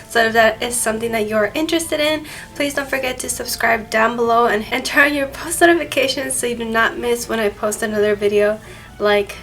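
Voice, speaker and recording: Speaking in a fairly high, fairly bright voice, a paranormal channel host talks informally to the camera indoors in her office. A cold leaves her nasal and stuffed up, and she wanders off track and fixes her own words. Only the camera's built-in mic picks her up.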